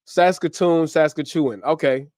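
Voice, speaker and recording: A man hosting a casual livestream from home, upbeat and slangy as he gives shout-outs to viewers, a little short on sleep. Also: fairly high pitch, moderate pace, no echo, clean studio sound. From US, grew up in Ohio. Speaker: livestream host. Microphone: camera mic on a livestream setup.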